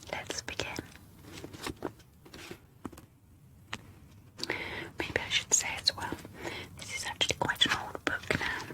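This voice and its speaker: A woman doing a whispered role-play in a soft, unvoiced ASMR whisper, speaking slowly and deliberately. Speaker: ASMR video creator.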